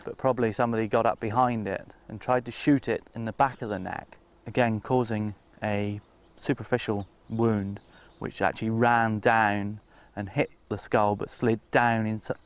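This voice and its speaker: A man who works as a deer stalker, explaining informally in a halting, matter-of-fact way. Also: lowish voice, smooth.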